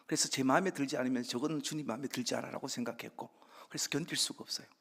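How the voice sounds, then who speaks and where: A man preaching a sermon as guest pastor, conversational and acting out little dialogues, with soft asides between louder lines. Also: mid-range voice, steady tone, rapid-fire, creaky, breathy edge. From Andong, South Korea. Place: church sanctuary. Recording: reverberant church hall.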